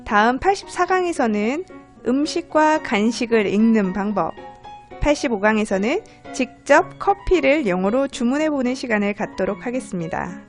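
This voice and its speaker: A woman's voice: on the high side, expressive, normal speed, faint music behind. A woman narrating a pronunciation lesson, speaking carefully and repeating each English word for the listener.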